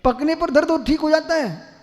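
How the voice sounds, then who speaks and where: A man giving a live religious sermon to a congregation, animated and calling on listeners to repeat after him loudly. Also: very high voice, moderate pace. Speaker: Jain monk preacher. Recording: long hall reverb.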